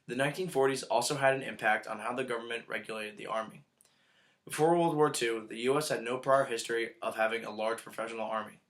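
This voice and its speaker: A man's voice: medium pitch, fairly even intonation, quick pace, a bit bright. A man reading scripted historical narration aloud in a formal, report-like way.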